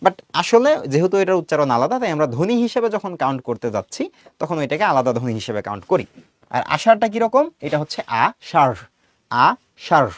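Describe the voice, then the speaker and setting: Fast, lively male teacher. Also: fairly high pitch, no echo, studio quality. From Bangladesh. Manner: explains step by step, drawing out sounds as examples; colloquial, mixes in English words. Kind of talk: online lecture for students.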